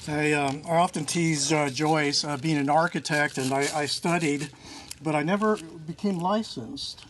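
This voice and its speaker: A man's voice: a little high, measured pace, noisy background. A man, a general manager, speaking genially with some fillers at an outdoor ceremony. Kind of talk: speech. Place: outdoor county park.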